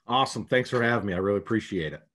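A basketball coach from upstate New York, head of a prep program, appears as a guest on a video call and fields interview questions, rambling through stories and restarting often. His voice sits fairly low, a bit bright, and he talks in rapid bursts.

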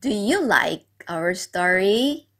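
Very slow, lively woman teacher. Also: mid-range voice. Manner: asks the class questions and repeats key words; praising, encouraging. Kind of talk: storytelling lesson for young children.

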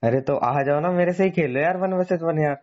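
A man's voice: a little high, a little fast, muffled recording. A man hosting a gaming channel, chatting casually and pleading persistently over in-game voice chat.

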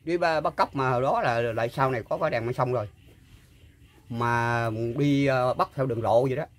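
An older man, recalling a story in casual talk and pausing often with fillers and repeated words. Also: mid-range voice, a little hiss or hum. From Mekong Delta, Vietnam. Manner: halting, full of fillers and repeats. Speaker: guest storyteller. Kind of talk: casual spoken recollection.

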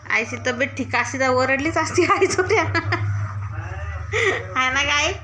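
A woman's voice: high voice, a little slow, background noise. A woman with a Marathi accent chatting casually at home, coaxing and affectionate with her child. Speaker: vlogger and mother. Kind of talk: casual family chat.

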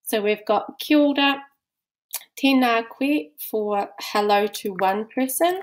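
Woman, New Zealand accent, course teacher, patient step-by-step explaining, slightly high voice. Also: slow pace. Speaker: language teacher. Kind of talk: recorded course lesson.

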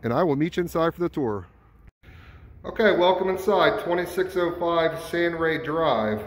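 A real estate agent narrates a house tour as he walks through an empty home, speaking relaxed and informally with small self-corrections. His voice is a little high and his speed normal. The handheld phone camera picks up echoey bare rooms and faint background noise.

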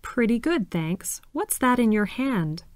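A woman reading scripted dialogue for a listening exercise, enunciating clearly. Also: a little high, very animated, a little slow, no room sound, low-quality recording. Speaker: exam recording reader.

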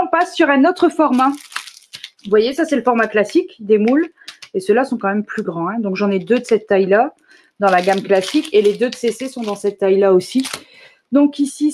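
A woman running a live shop presentation, chatty and enthusiastic, often filling pauses with little interjections. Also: medium pitch, a little mellow, a little hiss or hum. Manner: chatty, enthusiastic, fills pauses with "hop" and "euh". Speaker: shop owner presenting new products. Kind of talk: live product demonstration.

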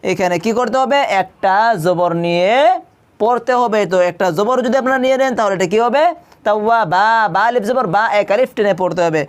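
Quran teacher doing a tajweed lesson, spells out every letter, then stretches the verse out slow, mid pitch, smooth clean voice. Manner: spells each letter and vowel mark aloud, then recites the verse slowly and drawn out; asks the listeners questions and answers them itself.

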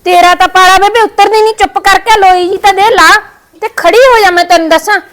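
A woman's voice: very high voice, fast talker, a bit bright. Woman playing a bossy Punjabi daughter-in-law. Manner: commanding, scolding. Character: bossy young daughter-in-law, domineering and scheming. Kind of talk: scripted family skit.

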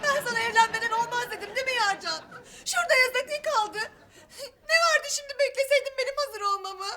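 Weepy naive fiancée Ezgi. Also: female voice, very high voice, racing, pushed and bright, some chatter behind. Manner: tearful, girlish.

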